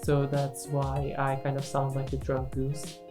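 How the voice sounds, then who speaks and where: Low, unhurried woman, non-native English speaker. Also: completely flat delivery, music in the background. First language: not English. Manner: self-deprecating, hesitant. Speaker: gaming video creator. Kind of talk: casual unscripted voice-over commentary.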